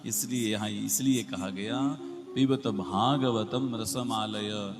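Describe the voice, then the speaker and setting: A man's voice: fairly low pitch, steady tone. Man preaching through a cave-like echo. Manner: rhetorical, asks the audience questions, slow and emphatic. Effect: heavy echo on the sound system. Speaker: Bhagavat katha preacher. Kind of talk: devotional sermon with scripture verses. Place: large devotional gathering with an audience. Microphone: microphone through a loudspeaker system. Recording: long echoing reverb with music playing.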